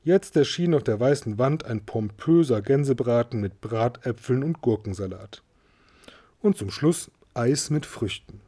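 Mellow man reading a storybook. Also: medium pitch, animated, measured pace. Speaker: audiobook reader.

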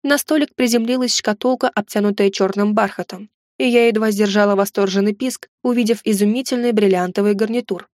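A woman narrating a first-person fantasy audiobook in a steady, measured reading. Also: mid-range voice, dry recording, clean studio sound.

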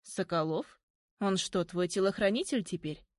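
A woman voicing a powerful older male uncle in an audiobook, speaking in a measured, deliberate way. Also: medium pitch, no echo, studio quality, lightly acted. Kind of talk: audiobook reading.

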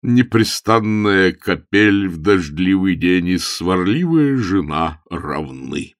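A man's voice: deep voice, expressive, slow pace, dry recording, studio quality, voice pushed up. A man reading an audiobook voices a troubled, pompous elderly bishop who sighs over his troubles and quotes scripture. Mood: rueful. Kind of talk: audiobook character voice.

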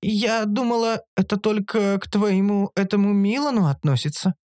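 A man voicing a blunt, literal-minded female monster who talks in thoughts, calm and flatly reasoning. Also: high-pitched, moderate pace, no echo, clean studio sound, voice pushed up, lightly acted. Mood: coolly reasoning. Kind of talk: audiobook character voice.

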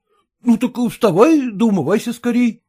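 A man's voice: extremely high pitch, expressive, normal speed, dark tone, slightly rough, pitched below the performer's own voice, heavily acted. Man doing a blustering bewildered husband. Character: flustered middle-aged gentleman, the husband. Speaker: character in a read story.

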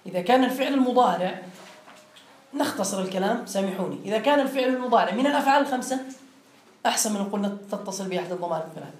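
Man, grammar teacher, classroom lesson, step-by-step explaining, quick talker, echoey room. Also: high-pitched, animated, far from the mic. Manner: explains step by step, quizzing students. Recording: roomy classroom with faint noise.

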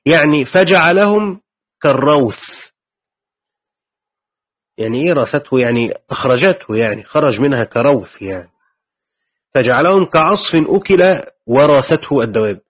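A man's voice: a little high, animated, moderate pace, pauses often, slightly rough. A man with an Egyptian accent teaching a lesson on a Quran commentary, explaining conversationally and checking in with his students. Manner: conversational, asks the class questions and explains. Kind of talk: lecture.

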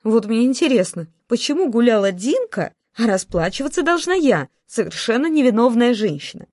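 A woman reading an audiobook voices its heroine, a wry office worker and mother who pleads with sarcastic, higher-pitched protests. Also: sing-song, moderate pace, darkish tone, no echo, studio quality.

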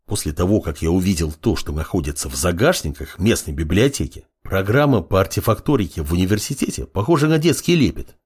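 A man's voice: low voice, expressive, quick pace, few pauses, darkish tone, slightly rough. A man voicing a distracted young apprentice mage in an audiobook, speaking in a slightly raised voice. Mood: absorbed. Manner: distracted, exasperated. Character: young male apprentice mage, absorbed and irritable.

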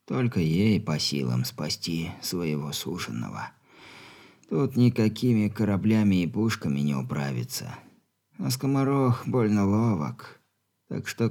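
A man reading an audiobook, voicing a bedridden dying old man who speaks slowly and quietly, breathing heavily in a creaky voice. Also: low-pitched, big pitch swings, heavily acted. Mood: stern, weary. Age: older. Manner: slow, quiet, weary.

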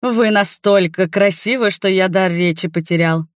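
A woman reading an audiobook and voicing a gallant young man who speaks slowly and sounds flustered. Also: mid-range voice, no room sound, studio quality, natural voice.

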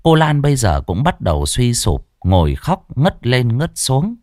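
A man narrating a ghost story in an expressive storytelling manner. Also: medium pitch, a little slow, no echo, studio quality.

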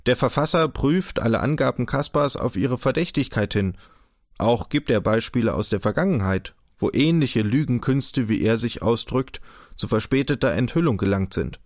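A man voicing a small, humorless archive director who speaks calmly, measured and diplomatic in an audiobook. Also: mid-range voice, no echo, studio quality, natural voice.

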